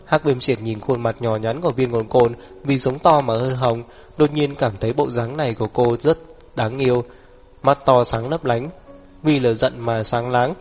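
A man narrating an audiobook in a steady, even reading style. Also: mid-range voice.

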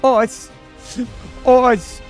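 A man's voice: high voice, expressive, a little slow, faint music behind. A man reading a story, voicing a frightened housewife who cries out urgently. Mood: desperate. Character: frightened housewife, frantic and desperate.

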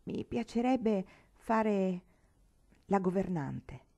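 A woman's voice: medium pitch, expressive, very slow, creaky, mellow, heavily acted. A woman voicing an earnest eighteen-year-old girl who insists on proving herself, in a read-aloud novel. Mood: earnest pleading.

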